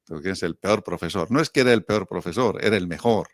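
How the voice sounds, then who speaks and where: A middle-aged Bolivian man with a fairly low voice reminisces in a casual way. He tells it as a storyteller, quoting people and putting questions to himself. The sound is close and dry. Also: quick pace, no room sound. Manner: animated storyteller, acting out quotes and asking himself rhetorical questions. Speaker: interview guest.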